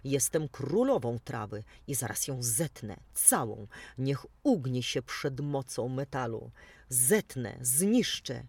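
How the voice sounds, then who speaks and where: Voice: mid-range voice, big pitch swings, slow, creaky, darkish tone, breathy edge, no echo, far from the mic, pitched below the performer's own voice, heavily acted. A storyteller voicing a proud female lawnmower in a children's story, growling and menacing. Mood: boastful threat. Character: proud boastful female lawnmower, loud and gruff. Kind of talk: storybook reading.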